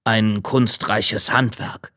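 A man voicing a doubtful, gruff old tailor father in a fairy tale. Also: steady tone, bright, forceful tone, no room sound, studio quality. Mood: skeptical. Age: older. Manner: slow, skeptical and low.

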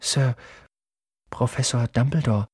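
A man voicing an earnest, somewhat shy young boy wizard, pitching his voice up and speaking hesitantly, in a storybook reading. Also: fairly even intonation, takes it slowly, a little mellow, slightly rough, no room sound, clean studio sound.

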